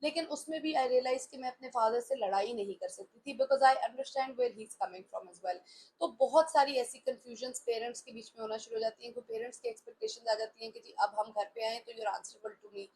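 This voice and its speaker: A woman's voice: fairly high pitch, fairly quick, darkish tone, poor audio. A woman in her forties talking candidly about her own life, mixing English phrases into her Hindustani speech. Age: 40s. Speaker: talk show host. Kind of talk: personal reflective talk.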